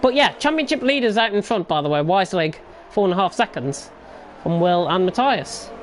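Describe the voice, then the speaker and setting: Calling an online league race live, a woman commentates on the motorsport action as it unfolds in an animated, medium-pitched voice at normal speed. Clear background noise runs behind her.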